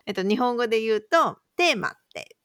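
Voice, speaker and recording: A woman's voice: a little high, lively intonation, a little fast, a bit bright, smooth, no echo, studio quality. A woman co-hosting a casual podcast, patiently explaining words in a chatty, conversational way. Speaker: podcast co-host posing quiz words.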